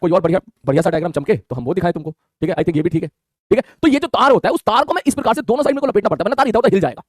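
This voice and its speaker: A man teaching a physics lesson online, talking in a quick, colloquial way and checking in with his students constantly. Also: sits high, animated, no room sound, studio quality. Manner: rapid colloquial Hindi, calls students "mere bhai", frequent "theek hai".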